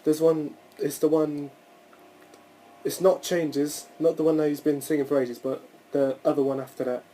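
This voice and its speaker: A man's voice: fairly high pitch, level tone, normal speed, dark tone, slight background noise, poor audio. A young man hosting a casual solo podcast, rambling through his thoughts with frequent restarts and the odd swear word. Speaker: podcast host.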